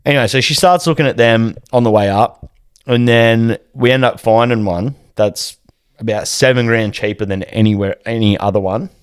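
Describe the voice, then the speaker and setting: Young Aussie man, podcast co-host, animated storyteller, dry close sound. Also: mid-range voice, normal speed, clean tone, dry recording. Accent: Australian. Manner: animated, swearing, acts out quotes in a raised voice. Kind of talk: casual storytelling chat.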